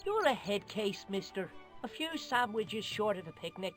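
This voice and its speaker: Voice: mid-range voice, big pitch swings, normal speed, fairly bright tone, soft background music. An actor voicing a cheeky, scrappy Irish street boy in a video game, boastful and tough-talking, with an Irish accent. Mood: defiant. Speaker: game character.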